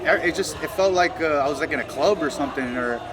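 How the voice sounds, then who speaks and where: A man giving a casual post-fight interview as a fighter, confident and slangy, with halting, repeated words. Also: a little high, poor audio. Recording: loud crowd chatter behind. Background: busy crowd talking nearby.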